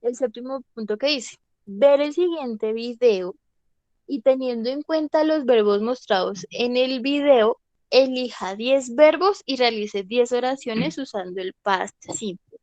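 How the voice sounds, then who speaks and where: A woman teaching an online class, her voice a little high. She explains step by step and keeps checking that her students follow. The sound is dry and close, with no room around it. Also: a little slow, darkish tone, no echo, highs cut off. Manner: patient, repeats "¿listo?" to check understanding. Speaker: English teacher.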